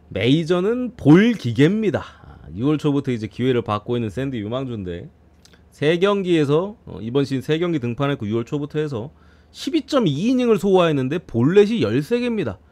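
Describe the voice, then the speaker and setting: A man giving a casual streamed preview of baseball games, blunt and quick to swear and grumble. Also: fairly high pitch, very animated, a little mellow. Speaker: baseball betting analyst streamer.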